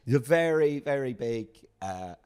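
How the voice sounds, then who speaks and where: A young adult comedian from South Africa, chatting casually on a podcast and telling stories with frequent laughs. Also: male voice, medium pitch, normal speed, clear, resonant tone. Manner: storytelling, laughing often, animated. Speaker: comedian guest.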